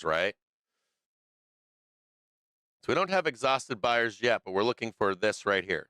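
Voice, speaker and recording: This man's mid-range voice is smooth with a fairly bright tone, though he's losing it as he hosts a live stock market stream. He gives loose trading commentary over the charts, thinking aloud with fillers and restarts, in a dry recording.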